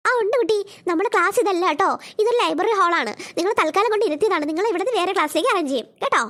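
A woman's voice: extremely high pitch, lively intonation, racing, fairly bright tone. A woman voicing a strict new class teacher in a cartoon, firmly lecturing the children. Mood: instructive. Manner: firm and scolding, lecturing the class.

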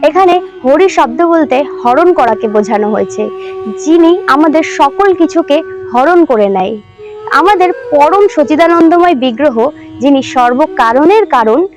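Female devotional host, high voice, earnest explanatory delivery, soft music under her. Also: highs cut off. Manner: earnest explanatory, recites Sanskrit verses slowly. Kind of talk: religious teaching talk. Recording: faint background music.

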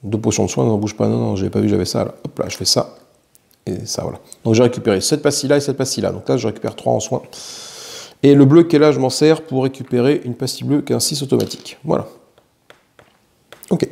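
A man with a French accent narrates his solo board game, thinking aloud as he counts dice and swears lightly at bad rolls. His mid-range voice is warm with vocal fry, steady in tone and quick in pace.

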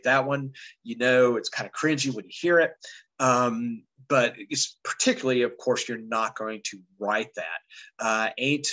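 A man's voice: medium pitch, sharp tone, poor audio. A man from West Virginia teaching a casual grammar lesson in a conversational, rambling way. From West Virginia, United States.

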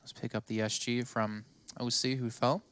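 A man's voice: mid-range voice, level tone, normal speed, a bit bright. A man working as an esports caster, giving live game commentary and analysis. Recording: clear game noise behind voice.

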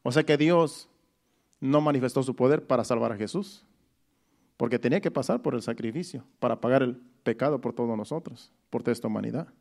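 A man's voice: medium pitch, a little fast, vocal fry, darkish tone. A man preaching a Sunday sermon. He explains each verse step by step, restating it in plain words and often repeating phrases.

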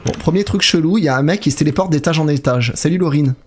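A man's voice: on the high side, fast talker, a little mellow, a little hiss or hum. Casual French man streaming a horror game. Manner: casual, joking, thanks chat viewers. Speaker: let's play streamer. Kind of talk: live horror game commentary.

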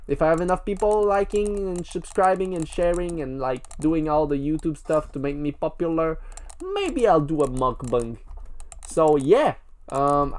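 A gaming video creator narrates his gameplay casually, rambling and playful, talking straight to viewers. His voice sits on the high side with a darkish tone.

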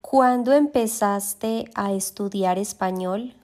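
A woman host and Spanish tutor interviewing a guest with friendly, brisk questions. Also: medium pitch, darkish tone, slight background noise.

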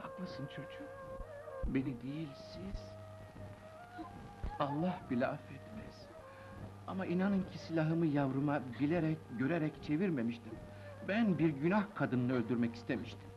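A man's voice: fairly high pitch, very animated, normal speed. An actor playing a remorseful older father who laments and blames himself in an old film drama. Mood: pleading. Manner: anguished, lamenting monologue. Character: remorseful older father, grieving and self-blaming. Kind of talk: 1950s film drama acting. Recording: dull old film soundtrack with music.

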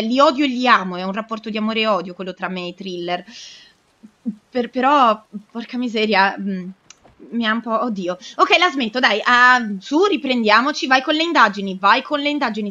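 High bright excitable woman gamer. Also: highs cut off. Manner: anxious, exclaims and pleads with the game. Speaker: let's play host. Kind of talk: excitable gameplay commentary.

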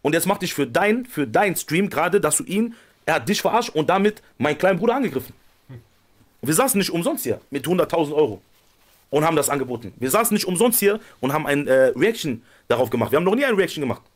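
Male reaction streamer, rapid and pushy, higher-pitched, accusatory tone. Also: sing-song. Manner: insistent, accusing.

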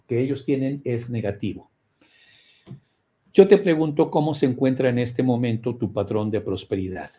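A middle-aged man teaches a prosperity course, firing off rhetorical questions and acting out scenes with loud cries. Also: medium pitch. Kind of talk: motivational lecture.

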